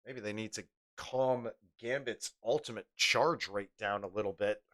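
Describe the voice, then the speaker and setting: A man's voice: fairly low pitch, unhurried, a bit bright. A man streaming live, chatting casually while calling the game in rambling, play-by-play asides. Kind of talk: casual live gameplay commentary.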